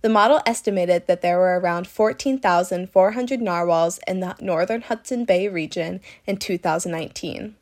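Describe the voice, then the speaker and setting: A woman's voice: on the low side, normal speed, hardly any pauses, a little mellow. A woman reading scripted narration in the manner of a nature documentary.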